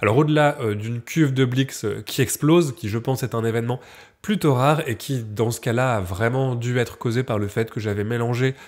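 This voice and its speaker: A young man with a head cold, a YouTuber focused on film photography, casually describes developing film at home with plenty of fillers and restarts. His mid-range voice moves briskly. A camera mic in his home darkroom corner gives way to a close studio mic in a dim studio room.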